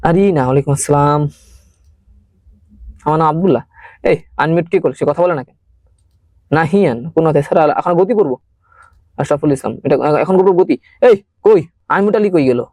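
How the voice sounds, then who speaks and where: Fast-talking man teaching online. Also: a little high, darkish tone, dry recording. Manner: fast, chatty, mixes in English words. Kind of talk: live online class lecture.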